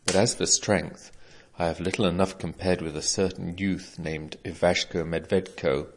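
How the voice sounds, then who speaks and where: A man's voice: deep voice, steady tone, moderate pace, a little hiss or hum. A man voicing a huge, bored giant road-builder who speaks in archaic, formal words. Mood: plain.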